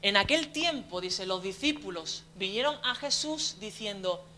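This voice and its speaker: A man's voice: sits high, animated, unhurried, bright, forceful tone, a little hiss or hum. A young man, preaching a conversational sermon as a deacon, telling his story with frequent tag questions and restarts.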